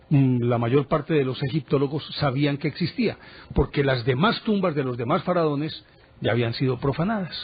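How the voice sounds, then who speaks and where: A man presenting a TV program, telling a history story casually with lively asides. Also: medium pitch, husky. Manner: animated storyteller, chatty asides. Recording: dull broadcast audio.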